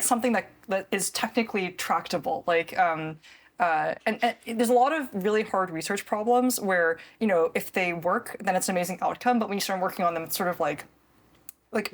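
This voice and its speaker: Thoughtful woman with lowish voice. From grew up in New Zealand. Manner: thoughtful, many fillers and restarts. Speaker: cofounder and CEO. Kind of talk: casual interview talk.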